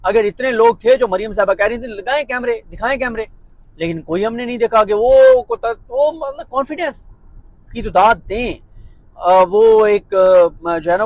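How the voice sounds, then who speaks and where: A man with a Pakistani Urdu accent delivers political commentary in a sarcastic, emphatic way. His voice sits high for a man. The recording is dry, with no room echo. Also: darkish tone.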